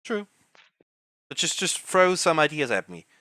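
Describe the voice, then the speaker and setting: A man's voice: on the high side, very animated, measured pace, pushed and bright, no room sound. A man on a voice call, chatting loosely as game master while planning a tabletop game, swearing and tripping over his words.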